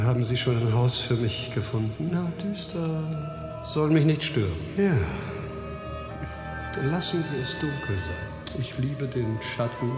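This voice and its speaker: An actor playing a brooding, solitary vampire count in a German radio play, speaking slowly and theatrically. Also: male voice, medium pitch, expressive, close to an everyday voice. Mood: brooding menace. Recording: cavernous reverb under loud music.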